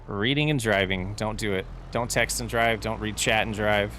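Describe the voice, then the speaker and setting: Low-voiced man chatting while streaming. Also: moderate pace, bright, forceful tone. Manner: rambling, self-correcting, answers chat questions. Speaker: streamer playing a farming game. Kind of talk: casual live-stream chat while gaming. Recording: faint game vehicle noise behind.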